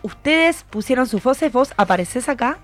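This Argentine-accented radio host has a high, expressive voice and a moderate pace as she interviews students casually, nudging them along with questions and encouragement. She speaks into a studio microphone in a radio studio while soft music plays in the background.

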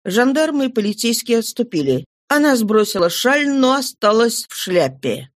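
An audiobook narrator reading a classic novel at an even, steady pace, in a mid-range voice. The recording is close and dry, with no room sound. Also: mid-range voice, moderate pace, no room sound.

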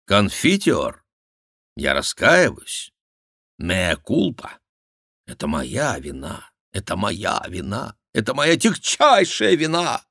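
A man reading an audiobook, voicing a cheeky, theatrical court jester with a high mocking voice. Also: wildly swooping pitch, slow, vocal fry, a bit bright, husky, no echo, clean studio sound, full character voice. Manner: mocking, shrill exclamations, mimicking. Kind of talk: audiobook character voice.

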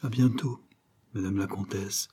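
A man reading aloud voices a cynical, vengeful banker villain with a raspy voice, scornful and threatening. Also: on the low side, lively intonation, moderate pace, dark tone. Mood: menacing.

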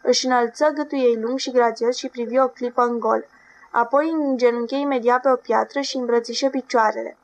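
A woman narrating an audiobook novel in a steady, even reading voice. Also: fairly high pitch.

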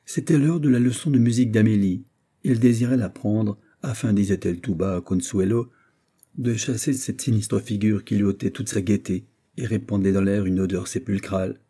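A man reading a classic novel aloud as an audiobook, calm and even. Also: fairly low pitch, a little fast, slightly rough. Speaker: audiobook narrator.

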